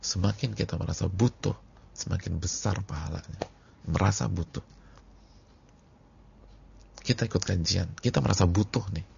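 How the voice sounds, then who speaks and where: Gravelly low-voiced preacher. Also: male voice, normal speed, long pauses, slight background noise. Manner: animated, casual slang, swings loud to soft. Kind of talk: sermon. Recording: dull lo-fi audio recording.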